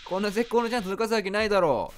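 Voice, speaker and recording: A man's voice: sits high, very fast, a little hiss or hum, natural voice. A man voicing a two-faced talking flower in a Kansai accent, with chirpy sing-song friendliness that hides a snide edge. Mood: menacing.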